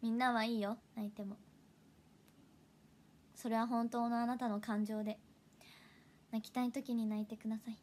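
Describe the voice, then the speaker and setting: A young woman with a hosting a casual idol livestream, chatty and giggly, sometimes dropping into soft whispers. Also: a little high, level tone, normal speed, long pauses.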